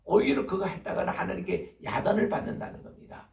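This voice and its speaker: An older man, a pastor, preaching a sermon with lively storytelling and acted-out scoldings. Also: high voice, fast, vocal fry. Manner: animated storytelling, acting out scolding voices. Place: church sanctuary. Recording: echoey church hall from far off.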